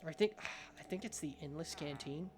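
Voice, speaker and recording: A man's voice: fairly high pitch, brisk, over music. A man with a lisp giving casual, rambling game showcase commentary, often hesitant and unsure of himself. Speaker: gaming video host.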